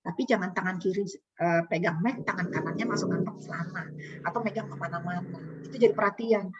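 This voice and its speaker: A woman with an Indonesian accent coaching a group online, asking them questions in a lively teacherly way. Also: on the low side, fast, noisy background. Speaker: communication coach. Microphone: video call. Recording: dull lo-fi video call audio.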